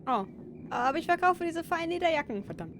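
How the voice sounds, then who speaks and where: A woman's voice: extremely high pitch, animated, fast, noisy background. A woman giving casual commentary as a streamer while playing a game.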